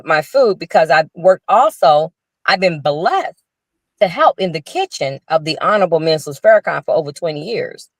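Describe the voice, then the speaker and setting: Speaking in a lowish voice with no echo, an older restaurant owner from Chicago shares her story over a video call. It's casual interview talk: earnest, relaxed, and full of restarts.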